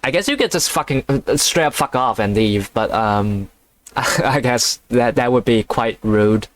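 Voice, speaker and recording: Man reading aloud, halting and crude. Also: mid-range voice. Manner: halting reading, stumbling over words, crude offhand swearing. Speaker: channel host reading a novel aloud. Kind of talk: casual read-along with commentary.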